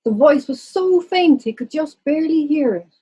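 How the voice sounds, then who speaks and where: A woman's voice: high voice, expressive, normal speed, warm tone. A woman narrating a rhyming children's story from a script, on a slightly muffled recording.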